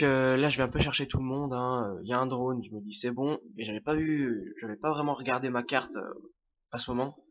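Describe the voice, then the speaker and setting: Sniffling with a cold, a young French-accented man talks through his game in casual commentary, full of hesitations, restarts and filler words. His voice sits at a medium pitch, and the dull, lo-fi sound suggests an inexpensive home microphone.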